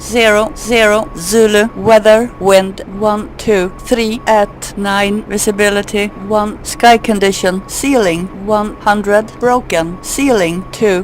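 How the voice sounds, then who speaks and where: A woman's voice reading an airport weather information broadcast, listing codes and numbers in a flat, evenly spaced way. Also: mid-range voice, a little hiss or hum, rough recording. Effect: recorded airport weather information broadcast. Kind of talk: automated aviation weather readout.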